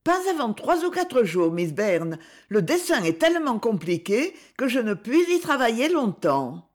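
A woman voicing a timid young girl, high and soft. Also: big pitch swings, a little slow. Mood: shy polite. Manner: soft, hesitant, polite. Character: young gentle poor female relative, timid.

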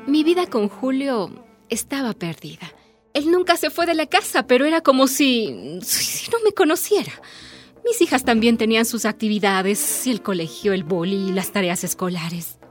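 A woman's voice: on the high side, sing-song, moderate pace, faint music behind. A woman playing a lonely middle-aged housewife and mother who has turned to drink, telling her story in a confessional, tearful radio drama monologue. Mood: weary. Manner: confessional, tearful, self-pitying. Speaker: housewife protagonist narrating her life.

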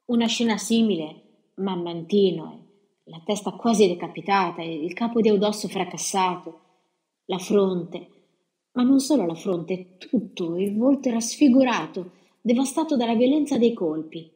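A woman reading a historical novel aloud in the first person with a measured, dramatic delivery. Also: medium pitch, warm tone. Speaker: audiobook reader. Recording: roomy echo.

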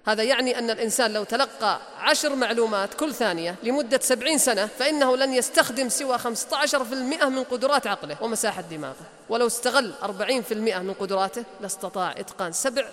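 A man's voice: extremely high pitch, rapid-fire, a bit bright, long reverb tail. A man gives an emphatic motivational lecture as a coach, repeating key lines for effect.

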